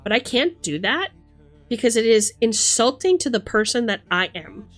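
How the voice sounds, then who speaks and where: A woman hosting a livestream talks casually and emphatically, swearing a lot as she rants and chats with commenters. Her voice is fairly high with big pitch swings at normal speed, and faint music plays behind her.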